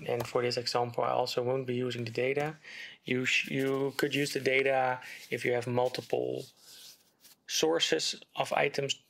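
A game development tutor with a mid-pitched, gravelly voice calmly walks through code in a screen-recorded tutorial. He explains step by step in a relaxed way while typing, with faint hiss, keyboard typing and mouse clicks underneath.

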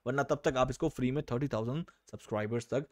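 A young man hosting a casual online tutorial, explaining step by step, calling viewers "guys" and slipping English phrases into his talk. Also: medium pitch. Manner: mixes English phrases into Hindi; reads typed prompts aloud slowly. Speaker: tech tutorial host. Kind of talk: screen-recorded tutorial.

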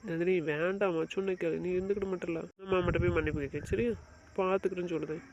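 A man's voice: steady tone, quick pace, noisy background. A man playing a husband in an amateur drama, coaxing and pleading. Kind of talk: amateur web drama acting. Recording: muffled low-fidelity recording.

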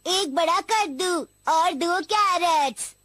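A woman's voice: extremely high pitch, takes it slowly, very noisy. A woman voicing a cheeky, mischievous five-year-old boy in a Hindi cartoon dub, teasing and dramatic. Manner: teasing, dramatic, drawls and whines. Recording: with loud cartoon music behind.

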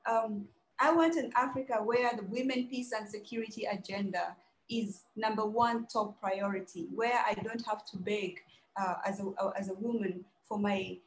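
A woman's voice: mid-range voice, moderate pace, roomy sound, slight background noise, poor audio. Earnest young woman on a video call. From South Sudan. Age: young adult. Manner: earnest and urgent, repeats phrases for emphasis. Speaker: conference speaker. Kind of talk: impassioned conference talk. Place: dim indoor room. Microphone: webcam on a video call.

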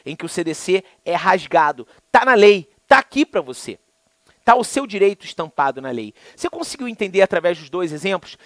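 A man with a Brazilian Portuguese accent teaching a law lesson in a lively, colloquial way, full of anecdotes and acted-out dialogue. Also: no room sound. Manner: lively, colloquial, acts out dialogue with swings in pitch. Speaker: law lecturer.

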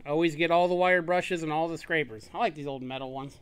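Man, slightly high voice, relaxed plainspoken show-and-tell of a tool haul, filmed on a phone over a workshop bench. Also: fairly quick, clear, resonant tone. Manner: relaxed, plainspoken, trails off quietly. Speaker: shop owner showing a tool haul. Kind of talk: casual show-and-tell narration.

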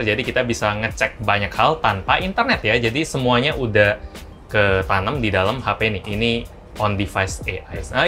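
Male tech vlogger, bright and forceful, casual chatty demo with soft background music. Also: medium pitch. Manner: chatty, laughs often, animated bursts. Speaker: tech reviewer.

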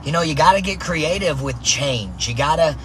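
Bright-voiced man with an energetic motivational tone. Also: on the high side, normal speed, slight background noise. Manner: energetic, keeps tagging "right?" and "man". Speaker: softball coach. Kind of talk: motivational vlog monologue.

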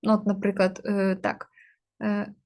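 A woman teaching a grammar lesson, working through test answers step by step, with many filler sounds and quick self-corrections. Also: medium pitch, completely flat delivery, gravelly, a little mellow.

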